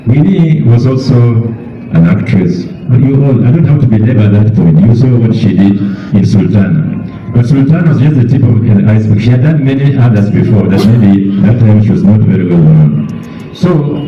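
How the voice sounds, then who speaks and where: A mature Kenyan man giving a eulogy as a bereaved father, speaking deliberately and repeating words for emphasis. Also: fairly low pitch, lively intonation, a little hiss or hum. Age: middle-aged or older. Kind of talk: eulogy speech. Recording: echoey, distant, dull public-address sound.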